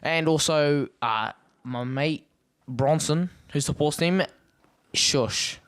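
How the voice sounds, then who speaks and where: A man's voice: fairly high pitch, slow, fairly bright tone, smooth, dry recording. Man with a broad Kiwi accent, dry recording. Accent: broad Christchurch New Zealand. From Christchurch, New Zealand. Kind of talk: casual chat.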